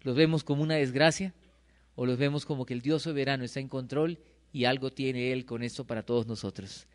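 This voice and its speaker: A man's voice: medium pitch, steady tone, a little fast, big-room sound. A middle-aged man preaching a sermon, asking his congregation questions and answering them himself. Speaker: pastor. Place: church hall.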